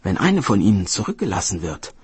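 A man's voice: lowish voice, big pitch swings, fairly quick, breathy edge, no room sound, heavily acted. A man voicing a grateful, wise talking deer in a storybook tale, giving earnest advice. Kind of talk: storybook narration.

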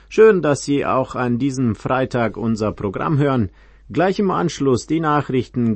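Man, radio presenter, medium pitch, formal welcome, scripted introduction, dry acoustic. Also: darkish tone, no echo.

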